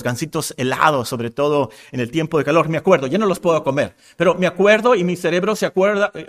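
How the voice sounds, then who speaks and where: A male pastor preaching a sermon to his congregation in an expressive way, weaving personal stories into his teaching. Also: fairly high pitch. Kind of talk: expository sermon. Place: church congregation.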